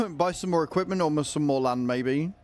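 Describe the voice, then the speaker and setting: A man's voice: fairly high pitch, normal speed. A man livestreaming a video game, chatting casually and informally with his viewers. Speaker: livestreamer, gamer.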